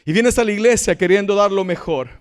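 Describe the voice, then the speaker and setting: A man's voice: high-pitched, a little fast. A man in his thirties preaching a sermon, telling personal stories and acting out the people in them. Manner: storytelling preacher, animated, acts out quoted people. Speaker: pastor.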